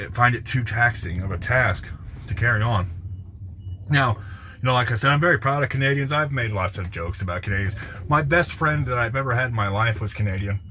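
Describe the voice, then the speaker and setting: A man's voice: lowish voice, fairly bright tone, slight background noise. An American man, a truck driver, chatting casually on a phone livestream from his truck cab, blunt, profane and rambling with lots of restarts. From United States.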